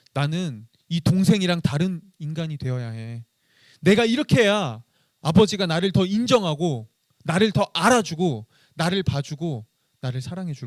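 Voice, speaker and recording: A man's voice: on the high side, no echo, lightly acted. A resentful, dutiful eldest son, as a man acts him out in a sermon, pressing his complaint in a raised, swinging voice. The delivery is insistent and bitter, recorded close and dry.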